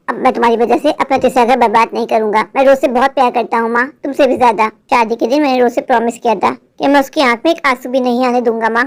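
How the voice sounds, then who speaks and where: A woman voicing a young husband caught between his mother and wife in a cartoon, speaking in a pleading, resentful way. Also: sits high. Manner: pleading, then firm and resentful. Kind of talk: animated Hindi cartoon voice acting.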